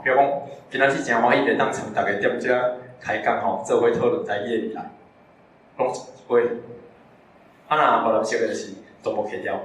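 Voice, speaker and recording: Man lecturing in a very echoey room. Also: mid-range voice. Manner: conversational, frequent tag particles, asks the audience questions. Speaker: guest speaker at a public talk. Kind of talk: informal public lecture. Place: bookstore event room. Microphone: recorded on a recorder in the room. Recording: very echoey room, distant mic, faint noise.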